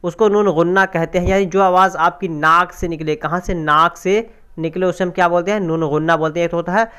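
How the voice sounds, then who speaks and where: A man's voice: high-pitched, steady tone, fast, fairly bright tone, clear, resonant tone. A man teaching an exam preparation grammar lesson, explaining step by step and asking and answering his own questions. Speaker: Urdu language teacher.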